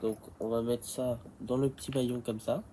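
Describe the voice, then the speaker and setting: A bike repair tutorial maker with a head cold speaks at a moderate pace in a medium-pitched, flat voice over background noise. His casual explanation of a repair wanders, stumbling through fillers and restarts.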